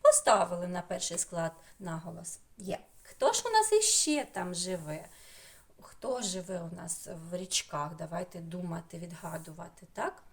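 A woman's voice: on the low side, very animated. A middle-aged woman teaching an online lesson to young children, asking riddles, praising answers and stretching out sounds and syllables. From Ukraine. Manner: slow, sing-song, stretches out sounds and syllables. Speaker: preschool teacher.

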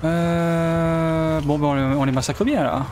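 A man's voice: fairly high pitch, fairly even intonation, a little slow, darkish tone, slight background noise. Chatty Belgian gamer narrating his play. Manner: chatty, thinks aloud, trails off mid-sentence. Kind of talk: live gameplay commentary.

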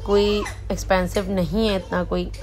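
Chatting her way through a big indoor supermarket, a woman narrates a casual shopping vlog, reading prices aloud and slipping English words in. Her medium-pitched voice is a little mellow with little pitch movement and a moderate pace, and there is slight background noise.

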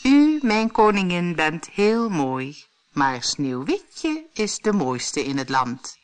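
A woman's voice: fairly low pitch, very animated, slow pace, no echo, soft background music. A woman voicing a solemn talking mirror in a storybook reading. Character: magic mirror, solemn and slow.

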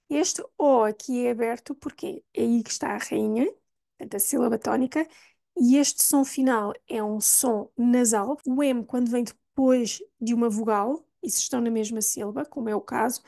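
Language teacher, woman, European Portuguese accent, somewhat high, slightly gravelly voice, slow clear demonstrations. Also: warm tone. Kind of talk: pronunciation lesson.

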